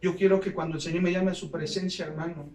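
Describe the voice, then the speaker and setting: A man's voice: fairly high pitch, fairly even intonation, quick pace, over a noisy crowd. A man preaching a sermon as pastor, fervent and often calling his listeners "brother". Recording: echoey room from a distance, faint ambience.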